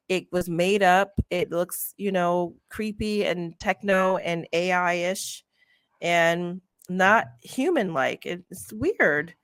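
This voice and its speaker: A woman's voice: mid-range voice, no echo, studio quality. A woman co-hosting a casual debate, blunt and teasing in her objections. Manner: blunt, teasing, laughs often.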